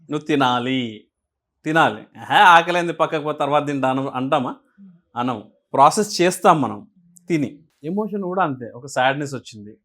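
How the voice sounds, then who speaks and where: Man, interview guest, lively pitched delivery, rhetorical questions. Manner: animated, asks and answers his own questions. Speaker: guest speaker on emotions. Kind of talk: explanatory interview talk.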